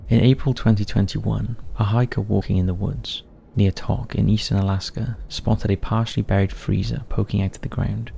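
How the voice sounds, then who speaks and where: A man's voice: on the low side, creaky, dark tone, slight background noise. A man narrating a scripted countdown of eerie forest stories in a somber storytelling manner.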